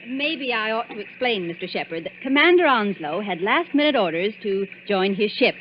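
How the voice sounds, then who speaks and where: An actress playing a brisk, polite, efficient air hostess in an old radio drama. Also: female voice, medium pitch, very animated, natural voice. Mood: polite, firm. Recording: muffled, very noisy old radio recording.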